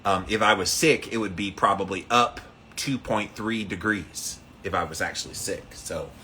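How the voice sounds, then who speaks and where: A man with a bright, forceful voice hosts a casual livestream. He is upbeat, often repeats himself, and calls out viewers as he reads their comments. There is faint noise and outdoor ambience around him. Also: lowish voice, normal speed. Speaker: livestream host of a daily ice bath challenge.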